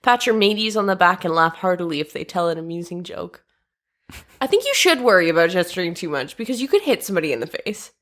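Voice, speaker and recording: A woman's voice: lowish voice, very animated, fast, a bit bright. A woman co-hosting a comedy podcast, reading an article aloud and joking in a wry, self-deprecating way. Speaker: podcast co-host.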